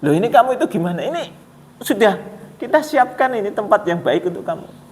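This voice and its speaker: A preacher doing a puzzled angel at heaven's gate, coaxing and quick. The voice is fairly high and lively, and it echoes through a large mosque hall. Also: male voice. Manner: bewildered, coaxing.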